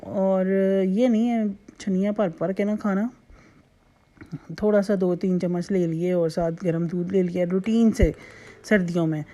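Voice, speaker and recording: A woman's voice: mid-range voice, steady tone, measured pace, warm tone. A woman, hosting a casual home cooking tutorial from her kitchen in a chatty, repetitive way with homely asides. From Pakistan. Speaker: cooking channel host.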